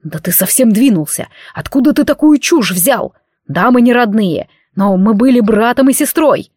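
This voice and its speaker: A woman voicing a brave male uncle, a wounded soldier, who shouts urgently. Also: fairly high pitch, lively intonation, normal speed, no room sound, clean studio sound. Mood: outraged.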